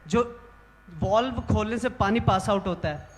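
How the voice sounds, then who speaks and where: A man, a monk, telling devotional stories to a large gathering in an animated, emphatic way. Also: high-pitched, unhurried, big-room sound. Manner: animated, rising to emphatic exclamations. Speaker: monk speaking at a religious assembly. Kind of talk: devotional storytelling talk. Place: large gathering hall of monks.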